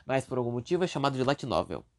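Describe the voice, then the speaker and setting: A man's voice: medium pitch, big pitch swings, racing. A young man with a Brazilian Portuguese accent, talking on his own podcast, rambling casually with self-deprecating jokes. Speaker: podcast host. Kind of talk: casual solo podcast monologue.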